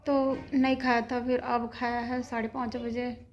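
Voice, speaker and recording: A woman's voice: on the high side, flat delivery, measured pace, muffled recording, slight background noise. A woman vlogging from her home kitchen, talking to her viewers in a shaken, anxious way. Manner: shaken, retelling a scare at length, anxious. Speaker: vlogger, mother. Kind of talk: casual home vlog, talking to camera.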